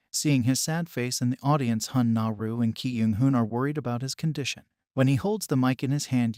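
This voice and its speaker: Guy reading a comic recap, mid pitch, steady and even, dry close mic. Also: no echo. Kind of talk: scripted story narration.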